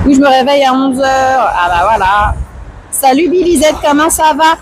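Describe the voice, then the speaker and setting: Hoarse, high-voiced woman livestreaming. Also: expressive, moderate pace, background noise. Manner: chatty, slangy, reads out and answers chat. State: hoarse, tired strained voice. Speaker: live streamer chatting with viewers. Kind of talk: casual chat, IRL livestream. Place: outdoors, walking through town streets.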